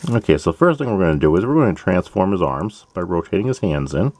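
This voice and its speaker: A man's voice: low-pitched, big pitch swings, fast talker, a little mellow, dry recording. A man hosting a toy-building show, explaining each step of a build in a chatty, plain way with playful asides. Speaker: host of a toy-building channel. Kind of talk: casual step-by-step build tutorial.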